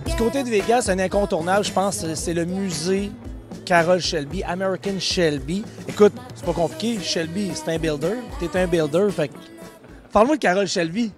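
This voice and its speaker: A man in his forties with a Québécois accent, hosting a car show segment with lively energy. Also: high voice, moderate pace, over music. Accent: Québécois French. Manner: energetic, playful. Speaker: host. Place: outdoors in a garden. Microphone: handheld mic.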